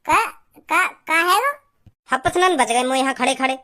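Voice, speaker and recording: A high-pitched cartoon villager, simple-minded and easily confused, as a woman voices him. He stammers and repeats his words as he puzzles things out. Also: animated, moderate pace, a crowd in the background. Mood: chatty. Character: rustic young village man, simple and confused. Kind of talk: cartoon voice acting.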